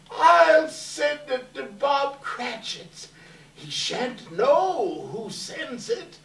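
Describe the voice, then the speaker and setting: A man's voice: extremely high pitch, sing-song, drawn-out words, creaky, pushed and bright, faint music behind, exaggerated voice. A man playing Scrooge as an old miser turned giddy and kindly, exclaiming and chuckling in stage readers theater. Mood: giddy, delighted. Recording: echoey hall, distant microphone.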